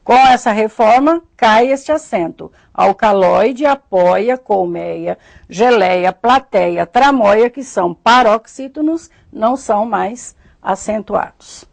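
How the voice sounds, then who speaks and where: A woman with a Brazilian Portuguese accent giving a recorded grammar lesson, methodically explaining rules and spelling out example words slowly. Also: medium pitch, creaky, no echo. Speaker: Portuguese teacher.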